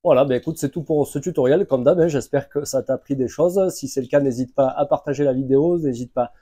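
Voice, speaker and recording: A man casually talking the viewer through a van oil change, relaxed and informal, with frequent filler sounds. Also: mid-range voice, quick pace. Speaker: mechanic hosting a tutorial channel. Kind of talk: casual how-to instruction.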